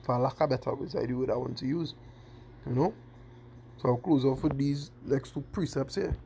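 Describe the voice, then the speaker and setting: Male street preacher, gravelly fry, keeps asking "you understand?". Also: medium pitch, normal speed, mellow, slight background noise. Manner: repeats "you understand?" constantly. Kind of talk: scripture-quoting sermon.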